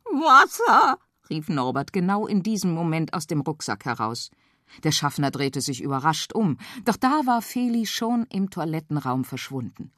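A woman reads a children's story aloud with expressive, animated delivery. Her voice sits a little low and moves a lot. The studio sound is close and dry. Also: normal speed, dry recording. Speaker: narrator.

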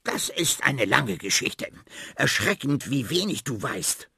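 A man's voice: medium pitch, sing-song, measured pace, vocal fry, pushed and bright, husky, no room sound, clean studio sound, voice pushed up, heavily acted. A man voicing a greedy, know-it-all rat who snaps and talks down to a boy. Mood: condescending. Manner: snappish and condescending.

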